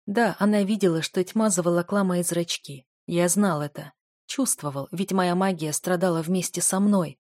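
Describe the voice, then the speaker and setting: A woman's voice: lowish voice, darkish tone, no echo, studio quality. A woman narrating first-person fiction as an audiobook reader, in a dramatic, intense read.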